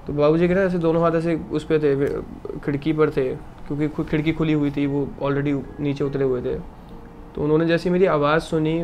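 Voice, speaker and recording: A young man, a vlogger, quietly recounting a personal loss in a halting, somber way. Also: on the high side. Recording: slightly dull recording with faint background noise.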